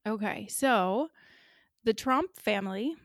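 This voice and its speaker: A woman hosting a podcast recounts a strange story in relaxed, chatty speech. Her voice sits at a middle pitch and the recording is dry and close. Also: slow pace, no room sound. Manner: chatty, laughing, enunciates carefully. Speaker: podcast co-host. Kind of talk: casual storytelling chat.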